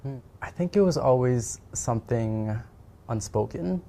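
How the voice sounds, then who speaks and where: A man being interviewed, reflecting on personal experiences in measured phrases with pauses mid-thought. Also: medium pitch, animated, gravelly, mellow. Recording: noticeable ambient background noise.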